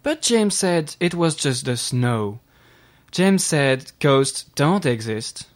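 A man voicing an earnest young boy in a slow, careful read storybook. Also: on the high side, expressive, pitched above the performer's own voice.

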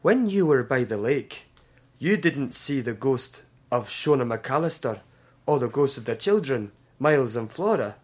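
A man's voice: mid-range voice, animated, measured pace, a little mellow, pitched above the performer's own voice. A man doing a concerned father. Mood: worried.

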